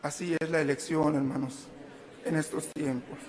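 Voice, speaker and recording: A man preaching a sermon as a pastor, often addressing the congregation as brethren and building to tearful, shouted passages. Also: on the high side, fairly even intonation, normal speed, a little hiss or hum.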